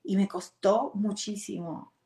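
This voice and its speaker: Expressive Argentine woman in her forties. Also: medium pitch, measured pace, creaky. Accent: Argentine Spanish. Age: 40s. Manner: expressive, tags sentences with "¿ok?", drops in English words. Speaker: show host. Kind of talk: casual personal talk. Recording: roomy echo.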